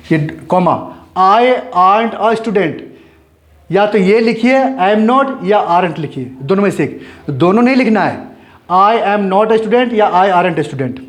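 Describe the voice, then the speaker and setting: A man teaching an English grammar lesson, explaining step by step and answering his own questions. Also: sits high. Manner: spells out letters slowly and repeats words.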